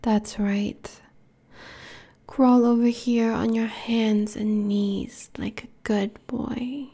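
A woman voicing a cruel, domineering immortal queen in a hushed, breathy whisper, slow and menacing. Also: a little high, little pitch movement, exaggerated voice. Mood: commanding. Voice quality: breathy whisper with gravelly fry. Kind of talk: whispered audio roleplay.

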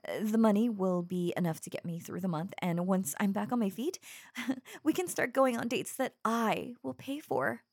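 A woman's voice: mid-range voice, normal speed, no room sound, clean studio sound, close to an everyday voice. A woman playing a coaxing, possessive young streamer. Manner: soft, coaxing, with nervous giggles. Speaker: voice actor in an audio roleplay. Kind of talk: audio roleplay addressed to the listener.

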